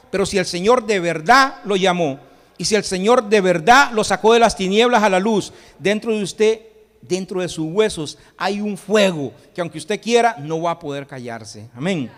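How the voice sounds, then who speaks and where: A man preaching a sermon as pastor, impassioned, swinging between loud proclamation and hushed intensity. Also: high voice, big-room sound. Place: church sanctuary.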